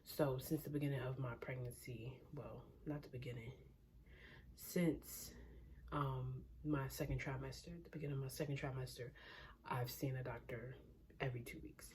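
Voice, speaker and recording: This pregnancy vlogger, a young adult woman, has a bass voice that is a little mellow, with fairly even intonation and a moderate pace. Her casual, rambling chat is full of laughter, she's a little short of breath, and now and then she drops almost to a whisper.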